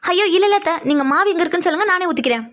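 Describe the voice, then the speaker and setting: A woman's voice: very high-pitched, expressive, racing, fairly bright tone. A woman voicing a polite, worried young woman in a cartoon who insists on helping. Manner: polite, eager to help.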